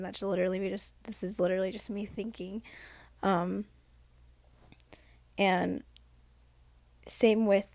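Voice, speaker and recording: In a late-night vlog, a young adult woman who is sick and losing her voice speaks in a mid-range tone that is gravelly and hoarse, now and then fading to a whisper. She rambles reflectively with plenty of fillers in a flat, even melody, captured in a dry, close recording with no room sound.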